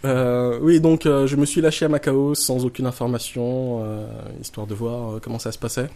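A man's voice: medium pitch, level tone, moderate pace, mellow. A man with a Marseille French accent, talking casually as an interview guest with dry, tongue-in-cheek humour. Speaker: guest, poker player.

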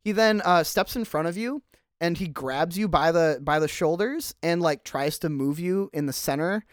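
A man's voice: fairly high pitch, moderate pace, smooth, no echo, studio quality. A man narrating a tabletop game as game master, casual with many fillers.

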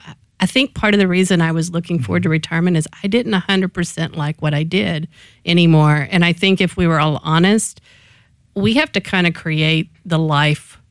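A woman's voice: on the low side, no echo, studio quality. A middle-aged woman with a Texan accent, talking as a business coach in an interview in a folksy, encouraging way. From Texas, United States. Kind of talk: conversational interview answers.

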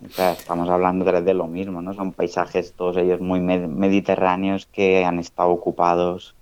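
A man's voice: deep voice, monotone, a little fast, darkish tone, clean tone, no room sound. A man in his thirties, a researcher, talking things through on a podcast, often ending phrases with a questioning tag. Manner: thoughtful, many "¿no?" tags. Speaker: guest researcher. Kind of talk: casual podcast conversation. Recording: dull, dry lo-fi sound.

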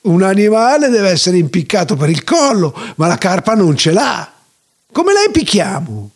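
A man's voice: high voice, huge pitch swings, moderate pace, breathy edge, voice pushed up, exaggerated voice. A man voicing a dim-witted, earnest village sage who reasons in a puzzled way.

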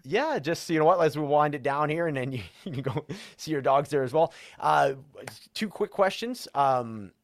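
A man hosting a podcast interview, warmly enthusiastic and often pausing on "uh" while he speaks. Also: fairly high pitch, animated, dry recording, clean studio sound. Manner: enthusiastic, fills pauses with "uh". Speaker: podcast host. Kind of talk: interview host chat.

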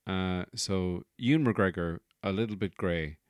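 A man's voice: deep voice, a little slow, no echo, studio quality. A man hosting a solo comedy podcast, rambling through jokey, profane tangents. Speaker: podcast host.

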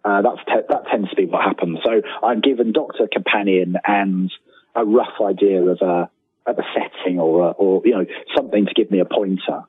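A low, slightly rough male voice moves along fairly quickly. The speaker, a freelance writer on an interview, rambles in a relaxed way, belittles himself, and often begins sentences again. Sound quality is tinny like a phone line, with room reverb.

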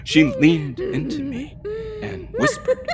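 A man narrating as a frightened young soldier held captive, telling it in a tense, hushed way. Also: very high-pitched, wildly swooping pitch, slow pace, creaky, heavily acted. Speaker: first-person narrator. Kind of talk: audio drama narration.

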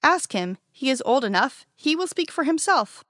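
Cautious, fearful parents who answer guardedly and pass the question on, as a woman reads their words. The voice sits fairly high. The storybook recording is dry and close. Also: sing-song, moderate pace, fairly bright tone, no room sound. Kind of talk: storybook character reading.

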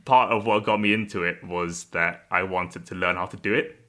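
Bright-voiced young man, laughing guest. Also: sits low, steady tone, moderate pace. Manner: laughs often, self-deprecating. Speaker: podcast guest. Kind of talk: casual podcast chat.

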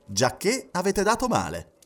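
Phileas Fogg, a man doing a calm gentleman. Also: high voice, recorded from a distance, pitched above the performer's own voice, full character voice. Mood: composed. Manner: calm, measured, unhurried. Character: impassive, precise English gentleman traveler.

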